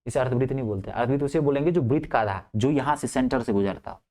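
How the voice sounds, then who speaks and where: A male math teacher. He explains geometry step by step, keeps asking whether things are clear, and drops his voice low to answer his own questions. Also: fast, darkish tone. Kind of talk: lively classroom math lesson.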